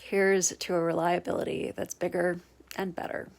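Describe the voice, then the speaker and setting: A woman priest in her thirties speaks with candid earnestness. Her voice sits low and carries a gravelly edge. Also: little pitch movement, moderate pace. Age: 30s. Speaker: Episcopal priest. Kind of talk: personal reflective talk.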